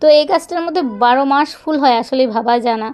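Chatty fast-talking young woman vlogger. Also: high-pitched, darkish tone. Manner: chatty, rambling, fond of filler phrases. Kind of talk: casual vlog narration while walking. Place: outdoors on a neighborhood walk.

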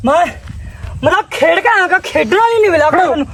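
A man's voice: very high voice, lively intonation, fast talker, creaky, a bit bright, recorded from a distance, a little hiss or hum, full character voice. A man voicing a simple-minded, boastful village man who rambles and repeats himself, outdoors in a rural comedy skit.

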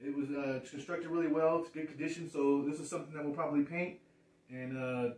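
A man's voice: on the high side, steady tone, a little fast, darkish tone. A man in his thirties casually showing off thrift finds, rambling and restarting his phrases, in a living room filmed by a distant camera. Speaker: thrift reseller showing a haul. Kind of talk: casual show-and-tell. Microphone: far camera. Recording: echoey room, far from mic.

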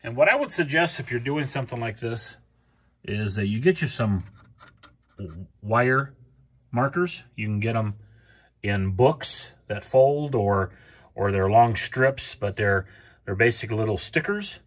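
A man casually walking through his own furnace repair off camera, plain and unhurried, with many ums and restarts. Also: medium pitch, expressive, slightly rough. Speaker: homeowner showing a repair. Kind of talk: casual DIY walkthrough.

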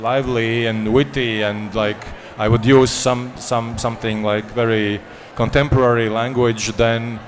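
A man's voice: mid-range voice, steady tone, unhurried, hardly any pauses, slight background noise. A man who is a poet and translator answering a panel question, hesitant and full of fillers, with dry humor. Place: panel session at a book fair.

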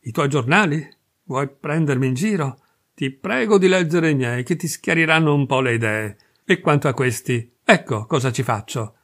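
A man's voice: a little high, animated, moderate pace, fairly bright tone. A man putting on a brash, scornful Parisian man. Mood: angry. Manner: boastful, scornful, declaiming.

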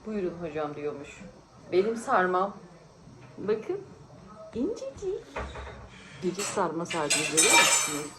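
A woman's voice: fairly low pitch, wildly swooping pitch, measured pace, pauses often, bright, forceful tone, rough recording. A tired woman vlogging in casual, teasing chat with friends at a friend's home. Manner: chatty, teasing, often laughing.

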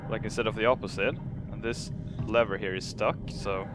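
A man's voice: lowish voice, fairly even intonation, normal speed, very noisy. A man giving casual let's play commentary, musing hesitantly aloud to himself as he goes. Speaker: gaming video host. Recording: voice-over with loud game music behind.

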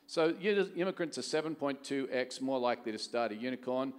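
Expressive and fairly quick, a mid-range male voice belongs to a middle-aged Australian venture capital executive delivering a keynote on a large conference stage. He keeps it conversational, regularly asking rhetorical questions, while the hall's long reverb makes everything echo.

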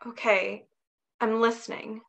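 A woman's voice: fairly high pitch, level tone, measured pace, creaky, a bit bright. A woman reading the part of a restless, earnest young woman at a script read-through. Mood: impatient.

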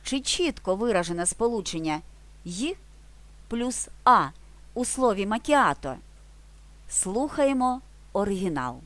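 A woman teaching a language lesson, reading rules and spelling out letters one by one in a clear, deliberate way. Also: medium pitch, very animated. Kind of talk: scripted lesson narration.

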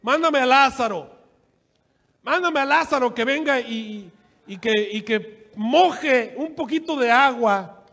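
A man voicing a tormented rich man who begs for water in a slow, pleading, raised voice. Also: very high-pitched, fairly bright tone, long reverb tail, heavily acted.

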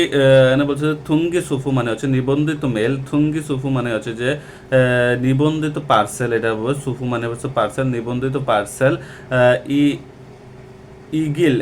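A man teaching Korean vocabulary from a textbook, talking slowly and repeating each word with many hesitations. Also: mid-range voice, a little hiss or hum. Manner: slow and repetitive, with many hesitations. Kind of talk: textbook lesson explaining vocabulary.

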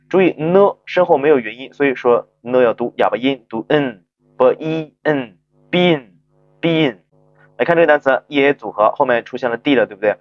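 A man teaching an English phonics lesson, stretching out model pronunciations slowly and often asking rhetorical check-in questions. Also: mid-range voice, dry recording, highs cut off. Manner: slow drawn-out model pronunciations between quick explanations.

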